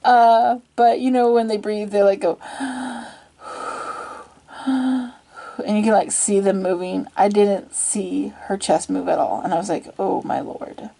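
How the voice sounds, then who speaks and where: A woman's voice: medium pitch, fairly even intonation, unhurried, creaky, pauses often, mellow. A woman hosting a casual story time, rambling and giggling at herself as she goes. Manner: rambling, giggly and self-deprecating. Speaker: channel host.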